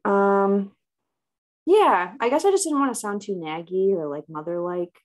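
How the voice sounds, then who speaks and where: A woman's voice: medium pitch, expressive, unhurried. A woman speaking as a client in a counseling role-play, talking hesitantly and with self-doubt about herself.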